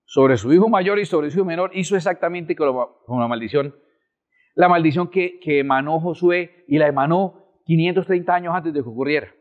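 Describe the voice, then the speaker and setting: A man's voice: fairly high pitch, brisk, phone-quality sound. A male pastor preaching a sermon, asking his listeners rhetorical questions and swinging his emphasis up and down.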